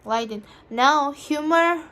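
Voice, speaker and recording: A young woman student reading an interview transcript aloud for a class task, halting and restarting often. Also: sits high, fairly bright tone.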